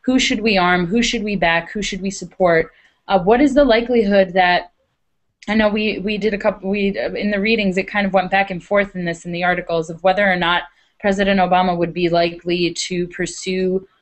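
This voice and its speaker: A woman's voice: mid-range voice, steady tone, fairly quick. A student woman asking a long, hesitant question in a video call.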